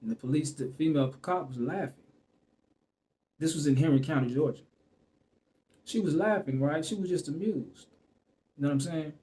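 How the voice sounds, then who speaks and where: A man's voice: on the high side, normal speed, long pauses, mellow, a little hiss or hum. A man telling a personal story to the camera in a loose, rambling way, full of fillers and restarts. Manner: loose and rambling, full of "you know what I'm saying" and fillers; restarts and trails off mid-sentence.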